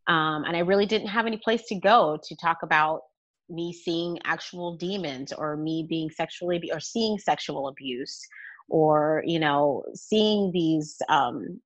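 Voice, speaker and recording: Female interview guest, very low pitch, candid and halting, on a dry, slightly muffled recording. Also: no echo. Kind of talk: personal testimony in conversation. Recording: dull, lo-fi, close dry sound.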